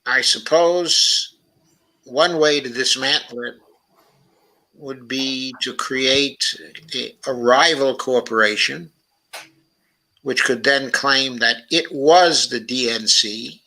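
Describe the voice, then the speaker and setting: Bright-toned man hosting a livestream. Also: medium pitch, gravelly, low-quality recording. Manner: thinking aloud, unhurried, sprinkles "okay" and "uh" through sentences. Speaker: talk show host. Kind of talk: casual livestream commentary, reading viewer comments.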